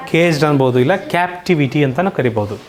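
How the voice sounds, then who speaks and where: A woman with a Kannada accent teaches an online coaching class in a lowish voice. She drills English words one by one, asking the class and supplying each answer herself. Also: expressive, fast, some chatter behind.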